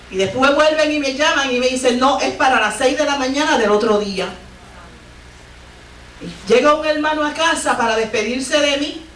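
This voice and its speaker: A woman's voice: high voice, a bit bright, far from the mic, slight background noise. A woman missionary preaching a fervent Pentecostal sermon, telling a testimony with bursts of praise. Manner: fervent storytelling with exclamations of praise. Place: church sanctuary. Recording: echoey church recorded from afar.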